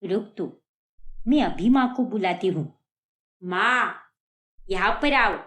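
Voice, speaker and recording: A woman's voice: medium pitch, lively intonation, slow, a bit bright. A woman voicing an indignant young daughter in a cartoon, pleading and accusing. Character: young daughter, upset, accuses her brother. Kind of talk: cartoon voice acting.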